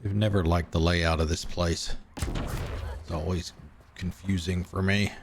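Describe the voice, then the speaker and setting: A man's voice: low voice, steady tone, takes it slowly, slight background noise. A man streaming a video game, chatting casually in a rambling, hesitant way with many fillers. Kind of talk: casual gameplay chat.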